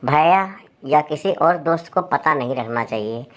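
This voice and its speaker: A clumsy young college man, flustered and pleading, as a woman narrator reads him. He speaks low for a woman's voice, in a storybook telling. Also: animated, moderate pace. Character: young male college student, nervous and clumsy.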